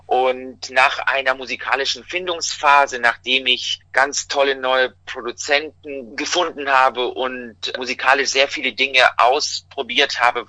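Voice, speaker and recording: A man from Russia, a singer and music teacher, answering interview questions in a measured, earnest way. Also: mid-range voice, sharp tone, dry recording, rough recording.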